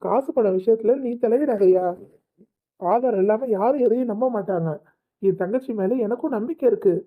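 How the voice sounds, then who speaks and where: A woman voicing a calm, reasonable husband in a cartoon family drama who explains things patiently. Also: a little high, normal speed, lightly acted. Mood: reasoning. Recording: tinny phone-like audio.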